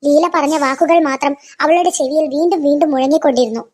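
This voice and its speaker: A woman narrating a family moral story in a scripted, even storytelling manner. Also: high voice, quick pace.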